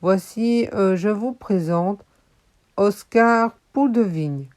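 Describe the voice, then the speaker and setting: A woman voicing a flustered female schoolteacher who stammers and keeps clearing her throat, in a children's audiobook. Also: medium pitch, slow pace, a little mellow, close to an everyday voice. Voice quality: hesitant, stammering.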